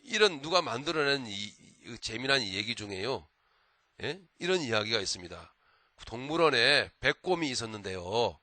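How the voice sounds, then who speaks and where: A man's voice: mid-range voice, no room sound. A male pastor preaching a sermon in a church, telling stories and often prompting the congregation. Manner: animated storytelling, frequent prompts to the congregation.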